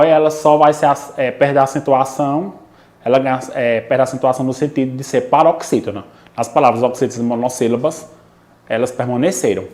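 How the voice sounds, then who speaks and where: A man's voice: mid-range voice, darkish tone. Brazilian male teacher explaining spelling rules. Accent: Brazilian Portuguese, Pernambuco. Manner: explanatory, frequent "né?" and "ok?" check-ins, drawn-out example words. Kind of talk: recorded online lesson.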